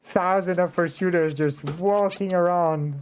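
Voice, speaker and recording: Higher-voiced man chatting casually, animated and hesitant. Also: measured pace, a little hiss or hum. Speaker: interview show host. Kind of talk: casual conversational interview.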